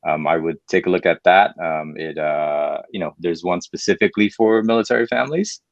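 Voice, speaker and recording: Low voiced guy talking casually, lots of ums, kinda muffled dry sound. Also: fairly quick, vocal fry, no room sound. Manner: hesitant, lots of ums and restarts. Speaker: company guest. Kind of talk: casual interview answer.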